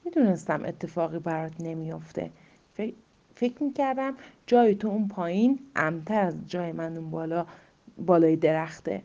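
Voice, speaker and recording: A cheerful male hunter teases his friend in a light, lifted voice, as a woman puts him on. The tone is mellow and dark. The recording is muffled and lo-fi. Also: lowish voice, creaky. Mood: reassuring.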